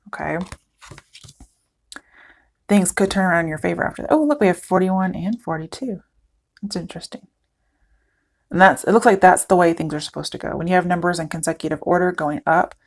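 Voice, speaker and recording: Woman, tarot reader, casual chat, gravelly fry, lowish voice, thinks aloud. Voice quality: voice cracking, throat clearing. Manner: chatty, reassuring, thinks aloud. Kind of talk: casual tarot reading to viewers.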